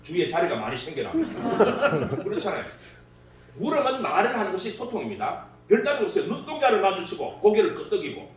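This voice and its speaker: A man gives a humorous workshop lecture, his voice high and swinging widely. He keeps joking and laughing at his own stories. He is heard from a distance in a very echoey hall, with a faint hum underneath. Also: brisk. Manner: jokey, laughs at own stories, lively delivery.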